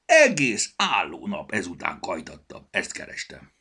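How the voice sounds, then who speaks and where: A man's voice: deep voice, huge pitch swings, bright, forceful tone, husky, heavily acted. A man voicing a sick little male goblin with a cold, speaking with a blocked nose and grumbling. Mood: grumpy. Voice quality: stuffy blocked-nose speech. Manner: grumbling, tired. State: congested with a cold.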